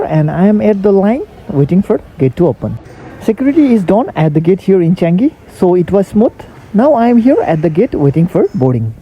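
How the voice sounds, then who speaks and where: A woman's voice: medium pitch, warm tone, slightly rough, low-quality recording. A woman narrating a travel vlog in a plain, matter-of-fact, scripted way. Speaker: travel vlogger.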